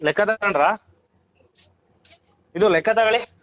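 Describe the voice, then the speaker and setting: A smooth-voiced man answers a phone call, starting out patient and then turning to scolding, with frequent hums. His voice is high and fairly bright, and his pace is measured. The call audio sounds muffled.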